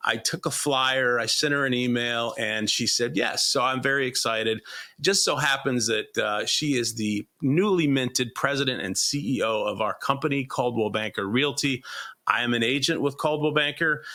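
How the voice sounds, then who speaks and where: A man's voice: mid-range voice, normal speed, bright, forceful tone. A man hosting an interview podcast, eager and rambling, often restarting his sentences. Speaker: podcast host.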